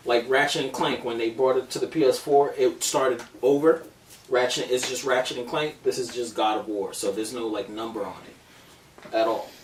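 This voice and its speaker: A man in his thirties hosting a casual gaming podcast, talking in a profane, joking, animated way. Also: medium pitch, normal speed. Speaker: podcast host. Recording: roomy distant mic with faint noise.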